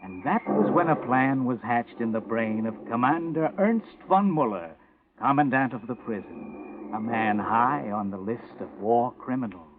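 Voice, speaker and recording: An actor playing an ominous, all-knowing mystery narrator in a theatrical, measured 1940s radio style. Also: male voice, mid-range voice, lively intonation, noisy background, lightly acted. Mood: grim, suspenseful. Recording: narrow, tinny 1940s radio recording. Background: music.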